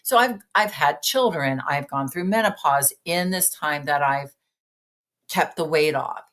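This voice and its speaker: Low-voiced chatty woman in her fifties. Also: unhurried, a bit bright. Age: 50s. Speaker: guest, weight-loss coach. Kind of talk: casual podcast conversation.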